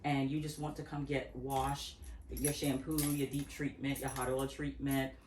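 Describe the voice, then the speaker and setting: Low-voiced woman in her fifties, echoey room. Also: flat delivery, normal speed, darkish tone, a little hiss or hum. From Barbados. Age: 50s. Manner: reflective, rambling with restarts and laughs. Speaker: interview guest, natural hair care practitioner. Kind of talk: casual interview talk. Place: her home workspace. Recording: echoey room, far from the mic.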